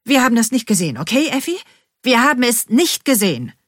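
Woman voicing a shrill, flustered young woman. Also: very animated, a bit bright, no echo, studio quality. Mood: urgent. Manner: shrill, hurried.

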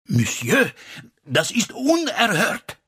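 A man putting on a shrill indignant foreign lady. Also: huge pitch swings, slow pace, sharp tone, slightly rough, heavily acted. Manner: shrieking, theatrical.

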